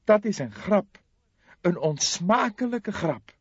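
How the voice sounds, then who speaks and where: Male narrator doing a grieving elderly sister, high falsetto, slightly muffled and dry. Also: moderate pace, no room sound, lightly acted. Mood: indignant. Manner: raised falsetto, soft and mournful. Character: elderly woman, sister of a dead crook, wistful.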